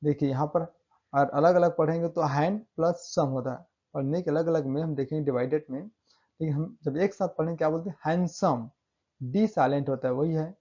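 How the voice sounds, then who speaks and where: A man's voice: a little high, mellow. Man teaching pronunciation, lo-fi. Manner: repeats example words slowly, with emphatic stresses. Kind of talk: classroom-style explanation.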